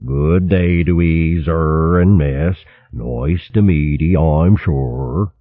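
A man's voice: deep voice, animated, no echo, heavily acted. A man doing a drawling rustic mole cook. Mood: jolly. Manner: thick rustic mole dialect, slow and drawling. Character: stout, cheerful, dapper male mole cook. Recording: thin phone-like dry sound.

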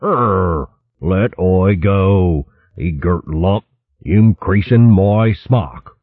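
A man's voice: low-pitched, expressive, no room sound, exaggerated voice. A man doing a drawling rustic mole cook. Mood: jolly. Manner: thick rustic mole dialect, slow and drawling. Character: stout, cheerful, dapper male mole cook. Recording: thin phone-like dry sound.

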